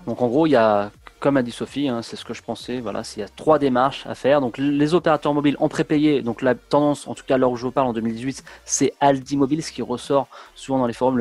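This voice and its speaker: A man's voice: mid-range voice, darkish tone. A man hosting a casual interview, chatty and full of restarts, giving practical advice to viewers. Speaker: host.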